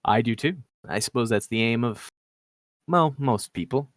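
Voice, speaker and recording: A man's voice: medium pitch, moderate pace, no room sound, natural voice. A man playing a dry, probing ship captain. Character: worldly male ship captain, curious and dry. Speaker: game master. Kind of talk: tabletop role-play.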